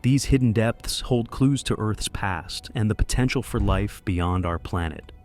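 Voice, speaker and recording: Male nature documentary narrator, fairly deep, solemn scripted delivery, faint music underneath. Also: measured pace, darkish tone. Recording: music behind the voice. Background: background music.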